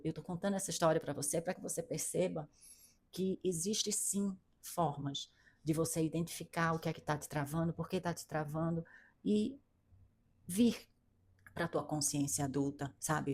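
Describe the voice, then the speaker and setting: A middle-aged Brazilian woman speaks with a low, deep voice, coaching her listeners in an earnest and emphatic way. She repeats key phrases and restarts her sentences as she builds to each point. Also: darkish tone. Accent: Brazilian Portuguese. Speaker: coach for women. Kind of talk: motivational talk to camera.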